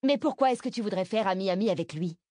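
A woman's voice: mid-range voice, lively intonation, fast talker, mellow, dry recording, clean studio sound, soft background music, lightly acted. A woman reading the part of a pregnant young woman who speaks bluntly and questions everything. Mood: skeptical.

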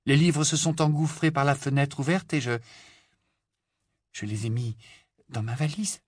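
A man's voice: on the high side, animated, moderate pace, dry recording, studio quality, voice pushed up. A man voicing an anxious, studious teenage girl witch who stammers and pleads. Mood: flustered.

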